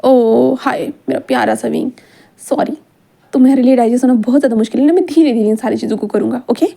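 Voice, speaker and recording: A woman voicing a teasing, affectionate young male lover in a read-aloud fan story, coaxing and drawn-out. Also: a little high, creaky, dark tone. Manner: playful, coaxing, drawn-out endearments.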